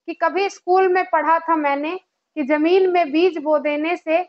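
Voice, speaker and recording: A woman with a very high, light voice teaches a Hindi exam-prep class. She works through each point by asking herself questions and checking in with her students again and again. The recording sounds slightly dull and lo-fi. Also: fairly even intonation, a little slow. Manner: explains with rhetorical questions and repeated check-ins; chants verse examples in a sing-song rhythm. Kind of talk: online exam-prep lecture.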